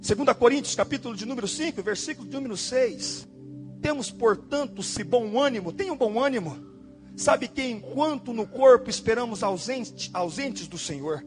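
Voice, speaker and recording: Pastor, man, very high voice, fiery sermon that drops to quick murmurs, soft music behind. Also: lively intonation. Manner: swings between shouted declarations and low rapid asides. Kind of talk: impassioned sermon. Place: church service.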